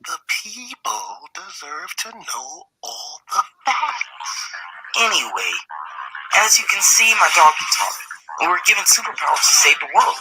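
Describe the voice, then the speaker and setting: An actor voicing a young boy superhero narrating an animated trailer, expressive and sassy. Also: mid-range voice, poor audio.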